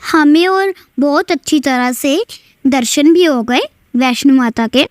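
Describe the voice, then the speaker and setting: A woman's voice: sits high, a little slow, no echo. A young girl earnestly recounting a pilgrimage and school day, thanking her guru again and again. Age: child. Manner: earnest storytelling with devotional thanks; childlike, breathless retelling. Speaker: devotee sharing a testimony. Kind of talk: devotional testimony.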